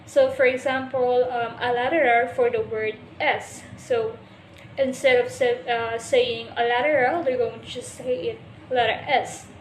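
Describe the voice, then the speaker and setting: A high-voiced woman gives a class presentation as a student presenter. She explains step by step, pausing often and restarting her sentences. The recording has a roomy echo. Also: fairly even intonation, slight background noise. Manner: explanatory, with many hesitations and restarts.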